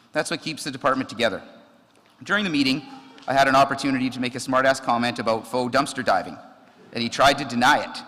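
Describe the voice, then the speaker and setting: A man's voice: medium pitch, fairly bright tone. Man telling stories at a memorial. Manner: conversational storytelling, frequent ums and laughs. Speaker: firefighter giving a eulogy. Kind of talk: memorial tribute with anecdotes. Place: memorial service in a hall. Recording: long reverb of a large hall.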